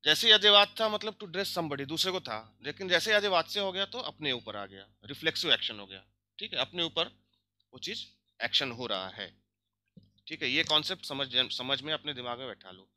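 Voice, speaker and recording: A young man teaching a grammar lesson, explaining step by step, checking in often and drilling example words slowly. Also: on the high side, expressive, sharp tone. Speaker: language teacher.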